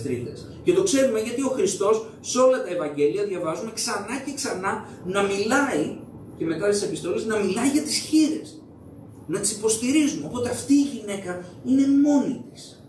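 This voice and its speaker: A man's voice: high-pitched, darkish tone, slight background noise. A young man preaching a sermon in a church, talking conversationally and putting questions to the congregation. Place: church hall. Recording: echoey hall, mic at a distance.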